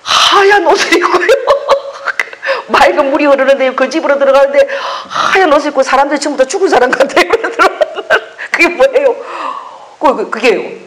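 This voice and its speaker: Woman doing a weepy, awed missionary, pitched up, breathless and laughing. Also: animated, moderate pace, fairly bright tone. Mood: tearful awe. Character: tearful visiting missionary, emotional and awed.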